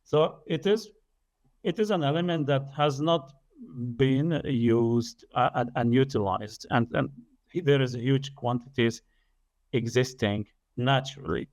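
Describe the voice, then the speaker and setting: This podcast guest, an energy business developer in his late thirties whose first language is Arabic, talks in a mid-range, slightly mellow voice, a little slowly. He explains things carefully and earnestly in conversation.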